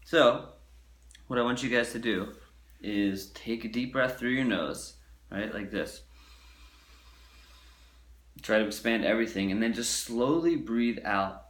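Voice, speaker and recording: A man's voice: mid-range voice, measured pace, long pauses, a bit bright, echoey room. A man giving a casual singing lesson on camera. He talks loosely, swears, and acts out timid and confident voices to make his point. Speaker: singing teacher. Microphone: camera mic he handles.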